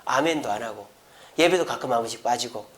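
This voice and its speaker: A man's voice: medium pitch, quick pace, fairly bright tone. A man preaching a Sunday sermon as senior pastor, asking his congregation rhetorical questions and acting out their complaints in a raised voice.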